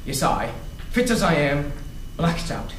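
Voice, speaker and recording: Young man as blustering, excitable dim doctor sidekick for stage comedy, fairly high, swooping voice. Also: unhurried. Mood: alarmed. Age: young adult. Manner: blustering, exclamatory. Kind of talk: comic readers theater on stage. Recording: noisy echoey stage recording from far off.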